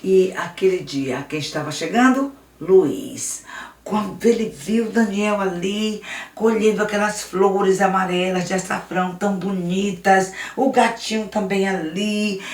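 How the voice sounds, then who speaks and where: A woman missionary telling a story to children, animated and speaking right to them. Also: mid-range voice, a little slow. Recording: roomy, distant mic.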